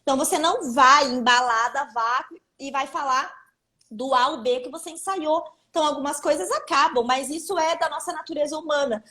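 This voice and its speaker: A woman's voice: high voice, fairly quick, sharp tone. A woman, a lawyer hosting a live video chat, talking in a conversational, reflective way. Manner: conversational, reflective, frequent restarts. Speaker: host lawyer.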